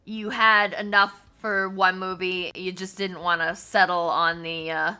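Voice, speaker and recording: A woman hosting a casual podcast chat, animated and quick to laugh. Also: fairly low pitch, clean tone. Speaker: podcast host.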